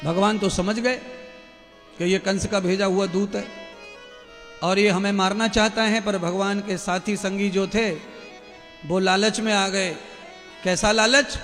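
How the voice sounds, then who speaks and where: A man giving a devotional discourse as a spiritual preacher, telling a story in an animated way and acting out the voices of the people in it. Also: sits high. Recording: long reverb with faint music.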